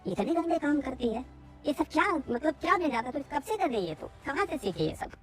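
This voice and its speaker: A woman's voice: high-pitched, very animated, a little fast, faint music behind, pitched above the performer's own voice. Upset young student girl, exasperated and pleading, as the narrator puts her on. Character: young college woman, upset, scolding.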